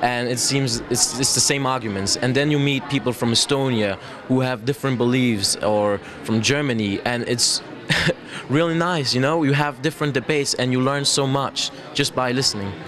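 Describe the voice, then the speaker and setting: A young man from Denmark, a committee president, talks upbeat and quick in an interview. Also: mid-range voice, a bit bright. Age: young adult. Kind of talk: interview answers. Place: large crowded hall. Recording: crowd chatter behind.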